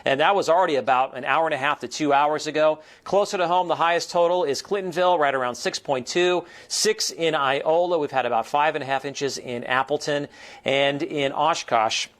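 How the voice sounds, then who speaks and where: An American man with a fairly high voice works as a TV weather forecaster. He explains conditions in an ad-libbed broadcast style, placing measured emphasis on key details. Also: a bit bright.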